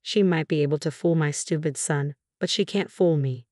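A woman with a low-pitched voice narrates a first-person story. She keeps a steady, measured pace. The recording is dry and close, with no room sound. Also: no room sound.

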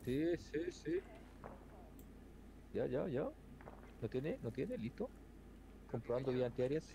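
A man's voice: medium pitch, lively intonation, slow pace, warm tone. A man with a Chilean accent talking as team medic in casual online game chat. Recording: clear noise under game voice chat.

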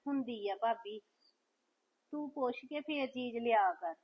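A woman's voice: on the high side, unhurried, muffled recording. A Punjabi woman acting a family member in a village drama, reasoning and lecturing a relative.

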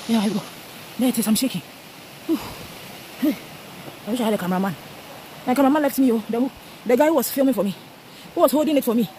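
A woman's voice: on the high side, fast talker, long pauses, mellow, slight background noise. A young woman with a Ghanaian English accent, out of breath as she narrates a casual travel vlog while hiking outdoors, exclaiming and cheering herself on, filmed on a handheld camera. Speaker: vlogger. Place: outdoors on a hiking trail by a waterfall.

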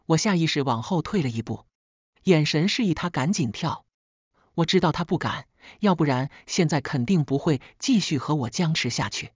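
A woman narrating a scripted first-person story in a steady, sharp-tongued way. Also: low voice, moderate pace, breathy edge, no echo, lo-fi sound.

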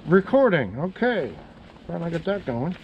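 A man's voice: on the high side, expressive, moderate pace, muffled recording, a little hiss or hum. A man casually talking through his motorcycle camera setup outdoors, chatting to himself as he fiddles with gear. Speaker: motovlogger.

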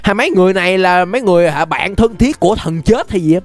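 This young adult man speaks fast in a high-pitched voice with lively intonation and a Southern Vietnamese accent. He hosts casual, playful, exclamatory gameplay commentary on YouTube from an indoor room with a webcam setup.

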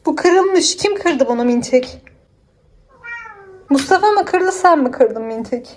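A woman's voice: high-pitched, animated, unhurried. A woman chatting casually at home, talking to a baby and a pet in a coaxing, affectionate way. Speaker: mother filming a daily vlog with her baby and cat. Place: at home indoors.

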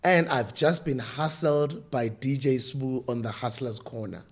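A man's voice: medium pitch, a little slow, slightly rough. South African man hosting, playful and laughing. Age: 40s. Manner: laughs often, playful, switches into Zulu phrases. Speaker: podcast host. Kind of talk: casual interview chat. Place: small studio room with table. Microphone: desk mic on boom arm.

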